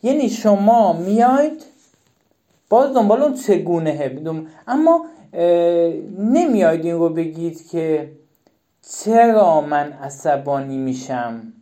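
A woman's voice: fairly low pitch, big pitch swings, warm tone. A woman giving a live-stream talk to parents, emphatic and repeating her key questions. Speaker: parenting educator.

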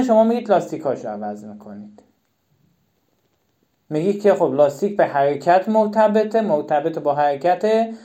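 A woman's voice: lowish voice, warm tone. A woman giving a live-stream talk to parents, emphatic and repeating her key questions. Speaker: parenting educator.

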